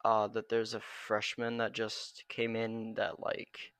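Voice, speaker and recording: A man's voice: lowish voice, completely flat delivery, slow, fairly bright tone, smooth, no echo, clean studio sound. A teenage boy chatting as a podcast guest, hesitant and full of fillers. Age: teens. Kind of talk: casual podcast chat.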